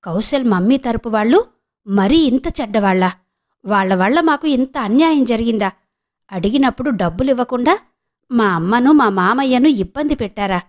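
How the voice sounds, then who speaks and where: Push hard as a narrator doing a fiery, demanding young wife, with a high-sitting voice. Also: female voice, animated, moderate pace, natural voice. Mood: angry. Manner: scolding, demanding. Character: hot-tempered young wife.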